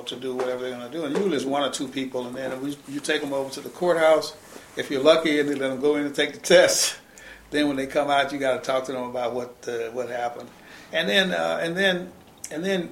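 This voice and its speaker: Older man, oral history interview, rapid delivery, emphatic, many restarts, echoey room. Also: mid-range voice. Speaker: interviewee, former civil rights organizer. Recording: roomy echo.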